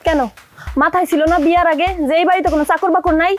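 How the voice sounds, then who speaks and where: A woman's voice: very high-pitched, fairly even intonation, rapid-fire. A young woman, playing an outspoken, reproachful elder sister-in-law in a TV drama. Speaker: elder son's wife. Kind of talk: TV drama acting. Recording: music under the dialogue.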